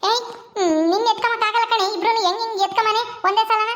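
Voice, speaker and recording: A young mother, chatting fast and coaxing her crying babies at home. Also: very high voice, fairly even intonation, reverberant, heavy background noise. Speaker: young mother of infant twins. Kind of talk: casual home vlog talk.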